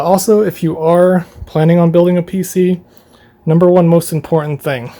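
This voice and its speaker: Casual young man touring his bedroom. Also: a little high. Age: young adult. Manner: relaxed and rambling, with fillers and light laughs. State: running out of breath. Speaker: YouTuber giving a room tour. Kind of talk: casual room tour vlog.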